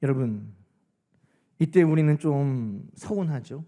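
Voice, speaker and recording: A man preaching a sermon in church as pastor, animated and acting out the quoted speech. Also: medium pitch, slow pace.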